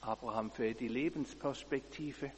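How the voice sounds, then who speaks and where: A man giving an earnest sermon, speaking in a measured way and repeating key words for emphasis. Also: mid-range voice, a little mellow, long reverb tail, slight background noise. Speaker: preacher.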